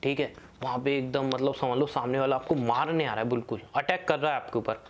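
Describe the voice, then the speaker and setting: A man's voice: mid-range voice, fairly even intonation, a little fast, slight background noise. A young man hosting a casual advice talk, speaking conversationally and often checking in with "theek hai". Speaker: host.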